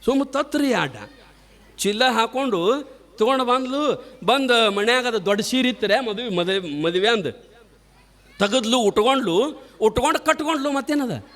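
A man's voice: very high-pitched, expressive, moderate pace, a bit bright, in a large hall. A man with a North Karnataka accent giving a humorous spiritual sermon, telling a story with repetition and rhetorical questions to the audience. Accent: North Karnataka Kannada. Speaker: preacher.

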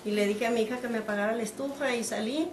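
This is a middle-aged woman from Mexico, recounting events in a lively way and slipping into the voices of the people she quotes. Her voice sits a bit high, and the recording has a noticeable room echo. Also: fast. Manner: animated storytelling, acting out quoted dialogue. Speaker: interviewee, mother of the detained woman. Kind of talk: emotional personal account. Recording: echoey room.

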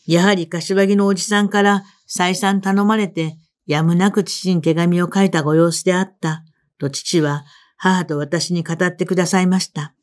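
A woman narrating a literary story in the first person, in a measured reading voice. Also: lowish voice, steady tone. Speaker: reader.

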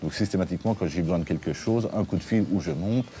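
A man in his forties, a restaurant owner, talking in an interview in a relaxed, chatty way, with fillers and restarts. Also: low voice, quick pace. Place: his restaurant dining room.

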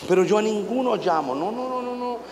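Preacher, man, folksy and theatrical, fairly high voice, booming church reverb. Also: lively intonation, brisk, a little hiss or hum. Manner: folksy storytelling, acts out anecdotes, rising to shouted exhortation. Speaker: apostle preaching to pastors. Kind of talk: conference sermon. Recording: echoey hall reverb, faint ambience.

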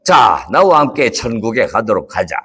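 A man voicing a kindly angel from heaven, speaking slowly and soothingly like a father, in a church puppet show. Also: lowish voice, big pitch swings, fairly bright tone, slightly rough, full character voice. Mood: gentle.

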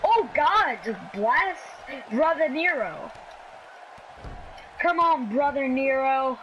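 A woman casually commentating on a wrestling video game as she plays, calling the action in an excitable, scrappy way. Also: sits high, slow, a little hiss or hum, low-quality recording.

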